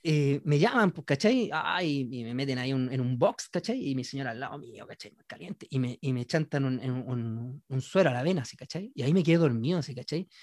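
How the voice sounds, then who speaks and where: On a studio-quality recording with no echo, a married Chilean man's mid-range, slightly mellow voice runs a little fast with hardly any pauses. Expressive and slangy, he narrates a comic story to friends in a group chat, acting out quotes and frequently laughing.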